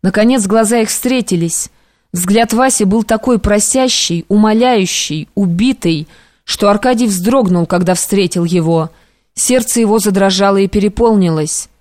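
A woman narrating classic prose for an audiobook in a measured, even manner. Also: mid-range voice, dry recording, clean studio sound.

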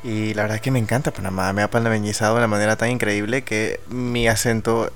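A man's voice: lowish voice, fairly even intonation, fast talker. A man from El Salvador hosting a live-streamed music show, talkative and making joking asides to the listeners. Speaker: radio show host. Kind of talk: live-streamed radio interview talk.

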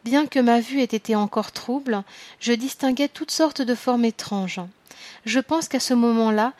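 A woman's voice: fairly high pitch, a little mellow, dry recording. Woman reading a grave first-person story. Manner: measured, grave literary reading. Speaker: audiobook narrator. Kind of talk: scripted first-person narration.

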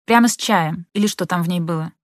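A woman narrating a literary audiobook in an expressive, measured manner. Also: fairly low pitch, no room sound, clean studio sound.

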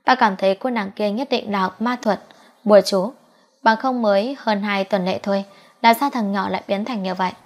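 A woman's voice: medium pitch, normal speed, lightly acted. A woman reading the lines of a mocking, hot-tempered man around thirty in an audiobook, with teasing, exasperated outbursts. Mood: fretful.

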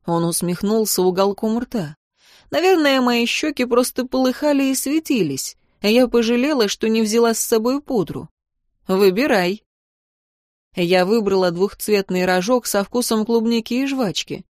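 A woman narrating a first-person audiobook in a lively, expressive way. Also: on the high side, normal speed, no room sound. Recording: dry close recording.

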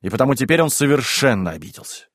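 A man narrating a classic novel as an audiobook reader, in a measured storytelling manner. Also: medium pitch, big pitch swings, no echo, clean studio sound.

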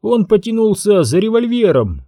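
A man's voice: sits high, moderate pace, no room sound, voice pushed up, exaggerated voice. A man reading an audiobook, voicing a cold gunman who speaks in an empty voice. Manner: empty, flat.

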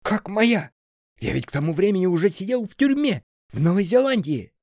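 A brusque middle-aged boss barking orders and questions, loud and pitched up with urgency, as a male narrator puts him on. His lines are sharp and commanding, dry and close in an audiobook reading. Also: sing-song, moderate pace, breathy edge, dry recording, exaggerated voice. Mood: demanding, shouting.

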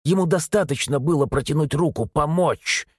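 A man narrating a dark novel as an audiobook, in an expressive storytelling manner. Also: a little high, normal speed, breathy edge, dry recording, clean studio sound. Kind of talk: scripted narration.

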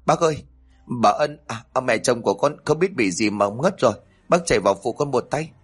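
A man's voice: medium pitch, expressive, a little fast, breathy edge, pitched above the performer's own voice. A man reading aloud, voicing a rude young daughter-in-law in a family storybook tale who talks curtly and snaps. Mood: panicked. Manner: curt, snappy.

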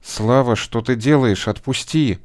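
Man voicing a bright, chirpy young girl. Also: medium pitch, a little slow, dry recording, studio quality, lightly acted. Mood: alarmed. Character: cheerful, tousled young girl.

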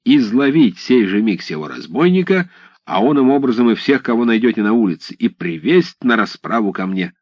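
A man acts out a pompous older village headman, barking orders that climb into high, furious shouts. His pitch swings wide and the recording is dry and close, like a storybook read aloud. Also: very animated, moderate pace, no echo, highs cut off. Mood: blustering commands. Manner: blustering, commanding, rising to shouts.

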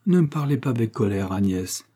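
A man's voice: mid-range voice, lively intonation, brisk, dark tone, husky. A man playing a heartbroken young suitor. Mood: passionate imploring. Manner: passionate, imploring.

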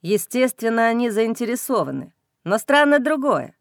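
A woman's voice: a little high, moderate pace, dry recording, clean studio sound. Woman doing a cold, unbothered male wolf. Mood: cool. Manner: calm, dismissive. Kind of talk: audiobook character reading.

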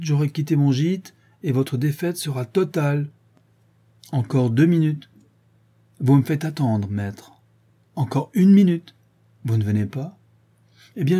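A man reading a cocky, playful gentleman burglar with theatrical, mocking flourishes. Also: medium pitch, slightly rough, pitched above the performer's own voice. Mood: gloating.

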